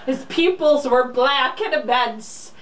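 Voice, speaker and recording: Slowly and in a high register, a young woman gives a casual, irreverent, mocking reading of a romance novel while crowd noise sits in the background. The room is echoey, the mic distant, and there is faint noise.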